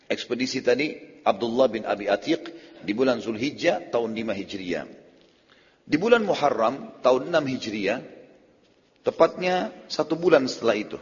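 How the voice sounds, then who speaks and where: A man preaching, telling a story in a lively way and acting out the voices of the people in it. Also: medium pitch, breathy edge. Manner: animated storyteller, acts out quoted speech. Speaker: Islamic preacher. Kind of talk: sermon-style storytelling lecture. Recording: lo-fi hall recording.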